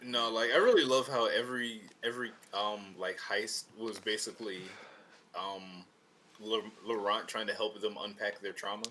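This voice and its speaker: A man's voice: lowish voice, steady tone, bright, forceful tone, a little hiss or hum. A man co-hosting a podcast, joking and teasing in casual chat. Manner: joking, quick teasing asides. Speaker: podcast co-host.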